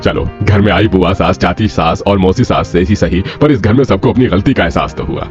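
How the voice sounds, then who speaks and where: A man voicing a calm grown son giving measured advice in a cartoon. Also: low-pitched, lightly acted. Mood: reflective. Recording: lo-fi with music behind.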